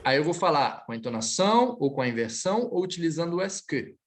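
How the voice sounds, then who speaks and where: Animated man teaching French. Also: fairly high pitch. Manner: lively, switches between Portuguese and French, slows to model phrases. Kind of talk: online class correcting students.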